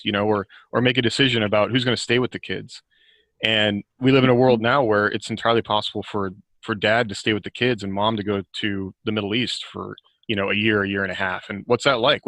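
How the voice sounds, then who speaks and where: A middle-aged author with a fairly low, fairly bright voice talks on a podcast with no room sound. His conversation about writing and life is casual and reflective, and he often revises his sentences mid-thought.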